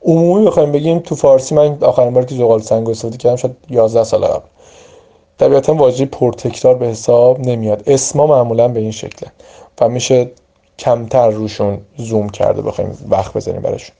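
A man's voice: mid-range voice, gravelly, mellow. A man teaching English vocabulary, giving each word and its meaning and stressing how to pronounce it. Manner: explains word by word, stressing pronunciation. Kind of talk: vocabulary lesson.

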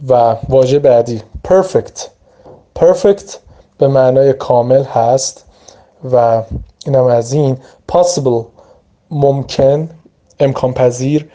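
A man with a very dark, mellow voice gives an English vocabulary lesson. He explains patiently and drawls out each example word. His first language is Persian. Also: mid-range voice. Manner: explains slowly, stretching out example words. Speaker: English teacher.

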